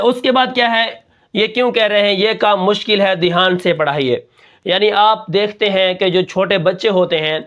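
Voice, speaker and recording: A male Quran reading teacher, explaining step by step and spelling syllables out slowly with rhetorical questions. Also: sits high, fairly bright tone, muffled recording. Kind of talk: spoken lesson on Quran spelling.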